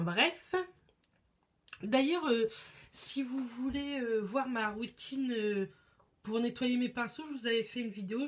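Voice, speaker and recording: Young woman vlogger, casual chat, halting and filler-heavy, somewhat high pitch. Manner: chatty, hesitant, many fillers and restarts. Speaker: beauty vlogger.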